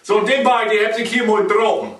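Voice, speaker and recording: A man's voice: high voice, steady tone, fast, fairly bright tone. A man with an East Frisian accent telling a playful comic story, chuckling as he goes. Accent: East Frisian German. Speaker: comedian. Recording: echoey room, mic at a distance.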